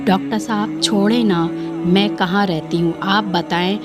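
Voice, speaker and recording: A woman voicing a shy, pious young woman who speaks softly and evasively in a story narration. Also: medium pitch, fairly even intonation, measured pace, music in the background, natural voice. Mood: shy, sad.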